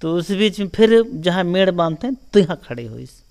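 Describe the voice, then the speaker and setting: A man with a Chhattisgarhi accent telling a local folk legend in a casual, animated way, often filling with "jo hai na". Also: high-pitched, brisk, creaky. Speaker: storyteller guest.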